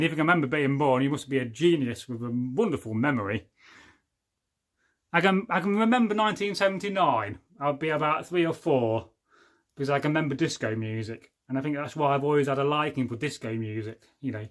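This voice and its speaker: A man in his 40s from England, his voice slightly higher than most men's, runs a relaxed livestream. He rambles and jokes while reading out viewers' comments, regularly losing his train of thought.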